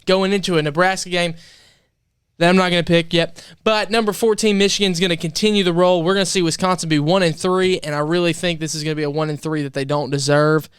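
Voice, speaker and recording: A man's voice: high-pitched, fast talker, clean tone, dry recording. Emphatic male sports talk host. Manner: emphatic, animated picks. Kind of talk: casual sports talk, making picks.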